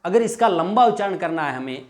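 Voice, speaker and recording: A man's voice: high-pitched, lively intonation, a little fast. A male teacher giving a classroom lesson, repeating each point and drawing out example sounds, calling viewers his friends. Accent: Hindi.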